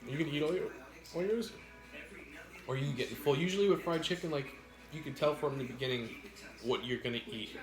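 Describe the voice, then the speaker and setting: A man chatting casually as he co-hosts an eating show, with halting, repeated words and some mild swearing. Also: mid-range voice, music in the background. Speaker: mukbang co-host. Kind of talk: casual chat while eating, answering viewers. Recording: roomy, echoey indoor sound.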